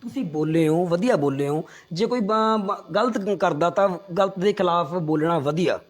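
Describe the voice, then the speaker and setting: A man interviewing a politician, pressing him with calm, polite questions. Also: high voice, normal speed.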